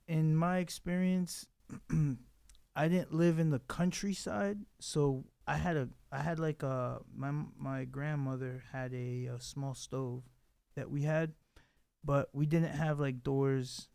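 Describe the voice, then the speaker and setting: Male podcast host, gravelly and smooth, mellow tone, emphatic rambling delivery. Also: on the high side, steady tone, slow, no room sound. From Dominican Republic. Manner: rambling, emphatic, many fillers. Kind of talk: casual interview chat.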